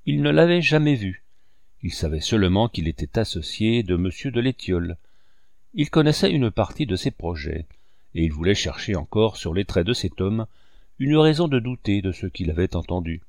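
A man narrating a novel as an audiobook reader, expressive in delivery. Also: fairly low pitch, moderate pace, dry recording, studio quality.

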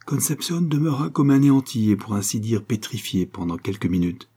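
A man narrating a classic novel as an audiobook in an even, literary storytelling manner. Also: fairly low pitch, brisk, husky.

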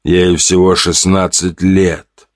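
A man's voice: lowish voice, measured pace, no echo, clean studio sound. A man voicing a beaten, weary man pleading for a girl's life in an audiobook. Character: desperate battered man pleading for a girl.

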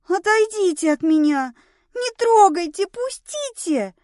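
A woman voicing a touchy young woman who turns high and shrill when upset. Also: animated, a little slow, a little mellow, no echo, clean studio sound. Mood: panicked.

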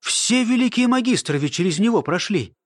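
Man doing an earnest young man; lively, dry. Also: sits high, fairly quick, dry recording, voice pushed up. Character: anxious young man, Dave.

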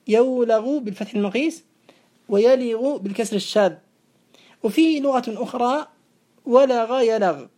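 Mellow, higher-voiced woman teaching grammar. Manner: measured, explanatory, recites verse slowly. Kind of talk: classical grammar lesson.

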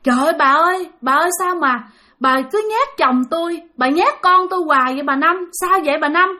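A woman's voice: sits high, animated, a little fast, sharp tone. A woman voicing a desperate old grandmother, begging tearfully for her family. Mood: pleading.

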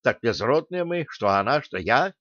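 A man's voice: mid-range voice, very animated, normal speed, a bit bright, no echo. A man voicing a fussy older male companion who wails and frets, in an audiobook reading. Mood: lamenting. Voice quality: wailing, clucking. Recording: dull dry recording.

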